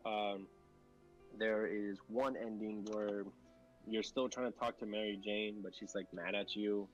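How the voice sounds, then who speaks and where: A man's voice: lowish voice, level tone, a little slow, highs cut off, soft background music. Rambling man in casual gaming chat. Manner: rambling, many fillers and restarts. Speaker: co-host.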